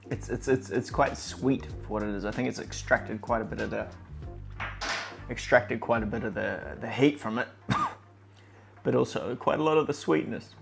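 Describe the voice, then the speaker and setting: Gravelly guy doing a chill cooking vlog, tasting stuff, faint music behind. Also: medium pitch, moderate pace. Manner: relaxed, enthusiastic, with frequent fillers. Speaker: cooking channel host.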